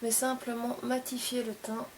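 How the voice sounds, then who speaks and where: Young woman doing a makeup tutorial, kinda high voice, talks in little steps, faint hiss behind. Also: little pitch movement, normal speed. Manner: gentle, explanatory, speaks in short phrases. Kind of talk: casual step-by-step makeup tutorial.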